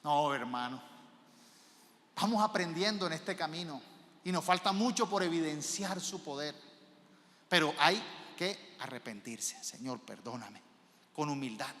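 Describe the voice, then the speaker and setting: A male pastor preaching a sermon in a church, asking the congregation questions and swinging between soft and loud. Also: on the high side, expressive, unhurried, long pauses. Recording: reverb of a large church hall.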